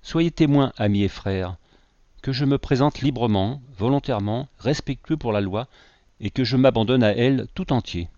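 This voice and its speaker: A man's voice: medium pitch, lively intonation, brisk, darkish tone, dry recording, muffled recording, natural voice. A man voicing a pale young man who stands accused, speaking his lines in a raised, solemn tone. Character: young pale man, wronged, proud and grieving.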